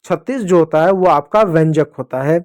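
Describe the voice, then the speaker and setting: Male teacher for small kids, high-pitched, slow repeated sounds, dry room. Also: darkish tone, no echo. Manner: slow drawn-out syllables for children to repeat; addresses children fondly, repeating sounds. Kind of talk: children's Hindi lesson.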